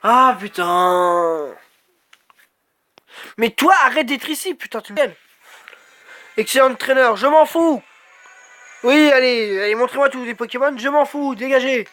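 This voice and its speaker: A man giving let's play commentary, swearing a lot and exclaiming excitedly as he talks to himself. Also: very high-pitched, unhurried, pauses often. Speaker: gamer.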